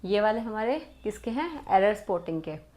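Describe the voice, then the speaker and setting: A woman's voice: mid-range voice, lively intonation, a little mellow. Woman teaching grammar with rhetorical questions. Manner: frequent rhetorical questions to students; reads example sentences very slowly. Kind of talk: exam-prep grammar lesson.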